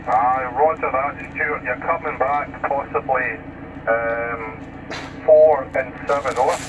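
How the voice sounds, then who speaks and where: A Scottish man operating a CB radio, trading call signs in halting, clipped phrases over a radio link. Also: mid-range voice, steady tone. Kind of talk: casual two-way radio call-sign chat. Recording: narrow, distant, noisy CB radio transmission.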